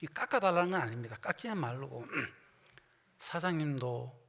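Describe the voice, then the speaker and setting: A man preaching as a pastor, telling a story and acting out the voices of the people in it, swinging from loud bursts to hushed asides. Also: mid-range voice, expressive, normal speed, vocal fry. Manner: storytelling, acting out both sides of conversations. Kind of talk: sermon with anecdote and quoted dialogue. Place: church sanctuary. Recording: long church hall reverb.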